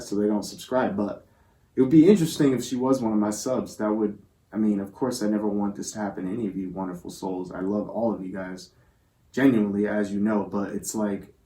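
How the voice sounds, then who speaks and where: A man's voice: on the low side, steady tone, brisk, mellow, poor audio. A man speaking earnestly as the host of a spirit box session, with affectionate, reverent wording toward viewers and spirits. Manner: addresses listeners and spirit with affectionate, reverent words.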